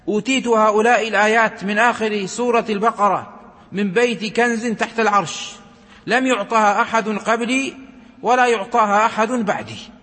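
A man with a high, bright voice reads religious texts and explains them as a lesson. His delivery is measured and recitative, and he slows down on key phrases. A long reverb trails behind every word. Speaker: religious teacher. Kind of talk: reading and explaining hadith.

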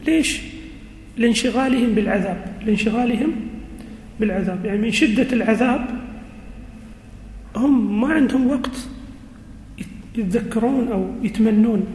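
A male teacher giving a lesson, speaking slowly and deliberately, repeating key words and quizzing his class. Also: very high-pitched, a little mellow, a little hiss or hum. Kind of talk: classroom lesson on Quranic grammar. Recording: echoey hall with faint ambience.

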